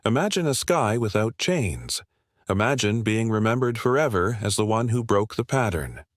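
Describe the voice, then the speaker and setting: A man plays a sinister spirit from an epic fantasy tale, seductive and sly. The voice is fairly low, coaxing its listener with slow insinuation, recorded dry. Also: lively intonation, dry recording, natural voice. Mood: coaxing, tempting.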